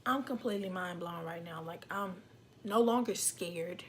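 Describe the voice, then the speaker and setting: A woman's voice: lowish voice, normal speed, heavy background noise. A young woman vlogger tells a story dramatically, acting out voices and dropping into whispered asides. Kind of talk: animated storytelling.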